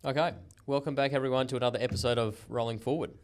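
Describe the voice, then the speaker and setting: A man's voice: mid-range voice, fairly even intonation, rapid-fire. A man hosting a casual podcast interview, friendly and rambling with restarts and filler words. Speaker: podcast host.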